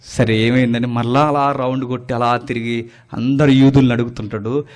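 A man's voice: medium pitch, level tone, normal speed. Dramatic male preacher telling a story. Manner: dramatic, swinging from loud emphatic peaks to quiet drops; acts out voices of people in the story. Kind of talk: storytelling sermon.

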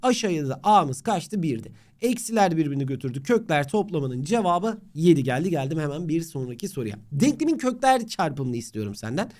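Lively, animated male math teacher. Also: a little high, a little fast, few pauses. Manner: playful, talks directly to the student, jokes and mock chants. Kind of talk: animated video lesson.

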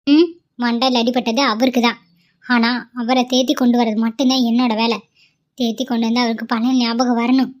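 A woman's voice: fairly high pitch, little pitch movement, a little fast, lightly acted. Woman doing a devoted young wife, insistent. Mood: pleading. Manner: pleading, insistent. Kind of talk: cartoon voice acting.

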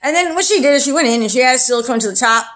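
A woman's voice: high-pitched, expressive, rapid-fire, a bit bright. A woman, chatting frankly in a rambling video diary while wearing new dentures, her fingers at her mouth. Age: 40s. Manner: frank, rambling, self-deprecating. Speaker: vlogger.

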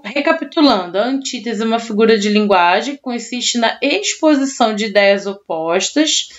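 A woman's voice: fairly high pitch, highs cut off. A woman teacher, giving a recorded online class and explaining patiently, checking in with her students often.

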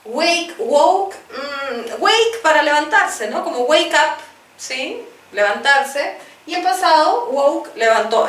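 Slow, echoey woman teaching English verbs. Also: sits high, a bit bright, far from the mic. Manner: patient, repeats words for practice, encouraging. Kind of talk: language lesson, drilling verb lists.

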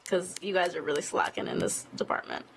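A young woman, a singer, chatting casually on a live stream, reading fan questions aloud and answering with lots of "like" and quick laughs. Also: fairly low pitch, big pitch swings, creaky, slight background noise. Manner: chatty, giggly, filler-heavy with frequent "like". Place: indoors at an office.

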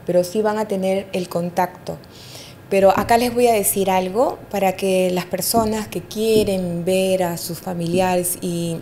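A woman psychic giving readings in an interview, hesitant and often pausing with fillers and checking she is understood. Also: mid-range voice, dark tone, slight background noise. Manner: hesitant, fills pauses with "eh" and "¿me entiendes?". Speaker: astrologer and psychic.

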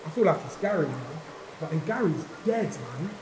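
A man in his twenties with a London accent, bantering excitedly and casually in slang as a quiz contestant. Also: fairly high pitch, moderate pace, a little hiss or hum. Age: 20s. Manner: animated, exclaiming, slangy. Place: large tiled indoor pool room, in a tub of water. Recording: echoey indoor pool, music behind.

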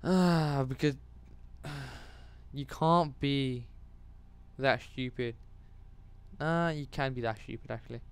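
Slow, rambling guy. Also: medium pitch, clear, resonant tone. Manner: rambling, chatty, goes off on tangents. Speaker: gaming commentator. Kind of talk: casual Let's Play commentary.

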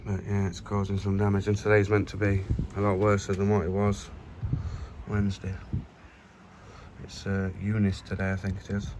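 A man with a low, monotone voice talks casually through a phone walk-through of his plot, full of fillers. Wind and outdoor noise sit clearly behind him. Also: normal speed. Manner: chatty, plain-spoken, full of fillers. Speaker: allotment vlogger. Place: windy allotment outdoors, then a room at home.

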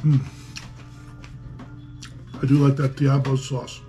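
A man's voice: mid-range voice, monotone, slow, mellow, soft background music. A man vlogging an eating challenge at home, chatting and joking between mouthfuls. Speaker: beer review vlogger. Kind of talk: casual eating challenge vlog.

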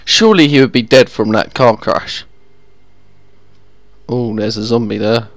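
A man's voice: medium pitch, measured pace, gravelly, dry recording. A young man casually commenting while playing a video game, chatting to his viewers. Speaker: gaming YouTuber. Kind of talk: casual let's-play commentary.

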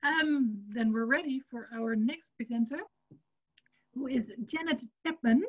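A woman moderating an online pitch session, friendly with hesitant fillers. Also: a little slow. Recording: dull, lo-fi call audio.

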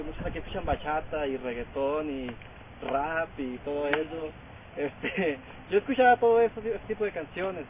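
A young man giving a personal testimony to a congregation, halting and full of filler words. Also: on the high side. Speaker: testimony speaker. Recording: phone-like audio with crowd behind.

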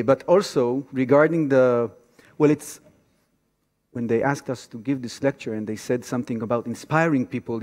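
In a reverberant theater auditorium, an activist from Tel Aviv, Israel, lectures informally from the stage as a guest speaker, drawing on his own stories. He has a medium-pitched, slightly mellow voice and speaks haltingly.

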